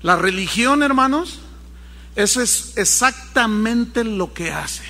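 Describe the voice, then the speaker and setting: A man delivers a sermon in an animated storytelling manner, acting out each character's lines. His voice sits high and moves widely in pitch. It rings out with a long reverb, as in a large hall. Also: slow pace. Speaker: pastor.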